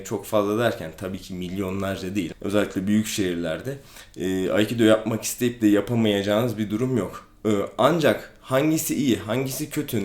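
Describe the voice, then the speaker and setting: A man, an aikido instructor, explains things calmly in a casual vlog, with many hesitant fillers. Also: mid-range voice. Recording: echoey room.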